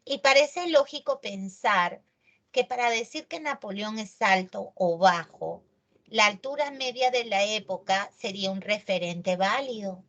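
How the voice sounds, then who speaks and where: A woman teaching a grammar lesson, talking in an animated, emphatic way and checking in with tag questions. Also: mid-range voice, measured pace, dull audio.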